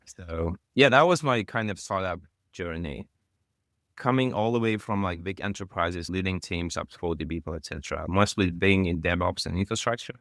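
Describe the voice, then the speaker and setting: A man's voice: low-pitched, moderate pace, fairly bright tone, dry recording, studio quality. A middle-aged man from Kazakhstan, a podcast guest telling his career story in a loose, rambling way full of "like". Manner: rambling, heavy use of "like". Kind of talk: casual interview talk.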